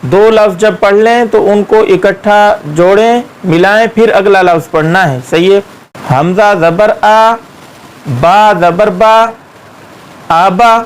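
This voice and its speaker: Male teacher, high register, unhurried delivery, patient syllable-by-syllable drilling. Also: smooth, poor audio. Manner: patient, drawn-out syllable-by-syllable spelling. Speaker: Quran reading teacher. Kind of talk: slow step-by-step recitation lesson.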